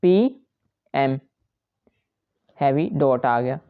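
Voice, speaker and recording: A woman's voice: extremely low pitch, drawn-out words, narrow, tinny audio. A woman teaching shorthand step by step, patiently repeating each point to her students. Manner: patient, repetitive explaining to students. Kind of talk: step-by-step tutorial.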